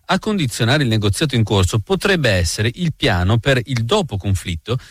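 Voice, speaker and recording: Male radio news anchor, mid-range voice, crisp measured read, dry booth sound. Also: medium pitch, very animated, no room sound. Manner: brisk, measured newsreading.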